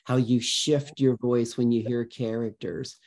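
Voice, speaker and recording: An unhurried man with a mid-range voice appears as a guest educator, answering interview questions in a conversational way. Emphatic and expressive, he spins his points like stories, acting out the examples.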